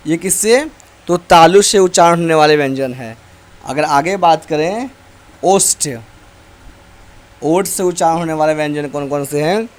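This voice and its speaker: A male teacher giving a slow, deliberate grammar lesson, reciting letters one by one. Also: fairly high pitch.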